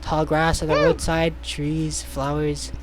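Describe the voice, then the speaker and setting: In a slow, monotone, medium-pitched voice, a swearing, irreverent reader narrates a visual novel for the group as comedy, fumbling words and slipping in wisecracks. Loud music plays beneath the voice.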